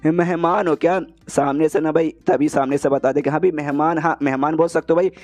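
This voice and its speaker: Fast-talking man in a chatty comic recap. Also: fairly high pitch, flat delivery, darkish tone. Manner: chatty, says "bhai" in nearly every line. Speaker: manhwa recap narrator. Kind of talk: casual story recap.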